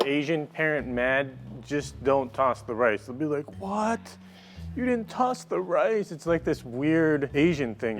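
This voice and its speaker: A man's voice: medium pitch, slight background noise. Playful man hosting a cooking show. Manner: playful, joking, hypes viewers. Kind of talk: casual cooking demonstration.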